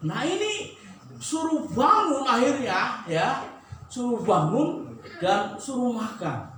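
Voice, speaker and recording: A man preaching a sermon in a chatty, joking way, laughing often and acting out nagging spouses in a squeaky voice. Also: very animated, slow pace, pushed and bright, distant mic, a little hiss or hum. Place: church sanctuary. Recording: echoey church hall, mic from afar.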